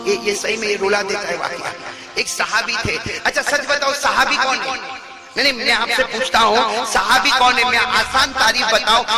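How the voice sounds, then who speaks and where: A male preacher telling a story in a sermon, calling on the audience to answer him. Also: high voice. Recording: background music.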